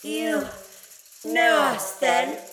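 A woman's voice: high voice, fairly even intonation, drawn-out words, a bit bright, echoey room, voice pushed up, full character voice. A woman voicing a sly, menacing alien creature made of energy, with a fizzing, hissing voice. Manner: silky, taunting.

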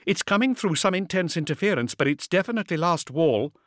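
Man doing a brisk female comms officer. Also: sits high, expressive, fairly bright tone, no echo, clean studio sound, voice pushed up. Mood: brisk reporting. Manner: brisk clipped technical reports. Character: female vox officer on warship bridge, brisk.

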